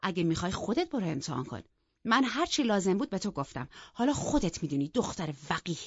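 A woman voicing a proud, sharp-tongued young woman who mocks and scolds in an audiobook. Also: lowish voice, very animated, breathy edge, no echo, full character voice. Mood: scornful. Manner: cutting and mocking. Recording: dull, dry lo-fi recording.

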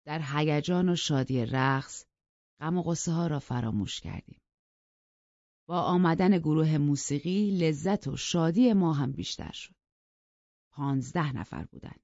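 An audiobook narrator reading a novel in an even, calm and soft-spoken way. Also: medium pitch, no room sound. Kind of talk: scripted storybook narration. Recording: dull lo-fi dry recording.

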